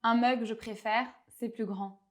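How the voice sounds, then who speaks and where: A woman from France with a French accent, teaching a language lesson in a clear, didactic way and slowing down to spell out pronunciations. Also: fairly high pitch, steady tone.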